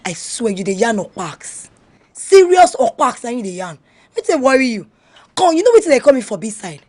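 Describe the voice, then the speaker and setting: A young Nigerian woman student in a movie, with a high voice. She is boastful and brash, talking in slangy bursts with repeated words. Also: big pitch swings, a little fast, darkish tone. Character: brash, boastful young female student, aspiring campus singer. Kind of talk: film acting, street-slang banter.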